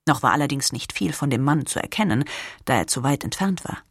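A woman narrating a historical novel as an audiobook, expressive and dropping to whispers in tense moments. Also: very deep voice, fairly quick, slightly rough, dry recording, clean studio sound.

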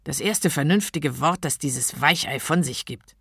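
A woman's voice: low voice, a little slow, creaky, fairly bright tone, husky, dry recording, clean studio sound, heavily acted. Woman reading as a smug, grumpy king. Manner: curt and smug. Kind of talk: storybook reading.

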